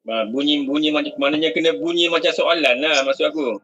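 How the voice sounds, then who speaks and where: A man's voice: on the high side, a little fast, fairly bright tone, muffled recording, a little hiss or hum. A man with a Malaysian Malay accent, a student in a casual study chat who asks questions and restarts his thoughts.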